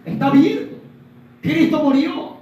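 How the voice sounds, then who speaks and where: Male preacher from Ecuador, high voice with a mellow tone, animated sermon delivery, miked from a distance in a very echoey room. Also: unhurried, muffled recording. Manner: animated, rhetorical questions to the congregation, acts out little dialogues. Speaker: evangelist preacher. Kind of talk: Pentecostal sermon.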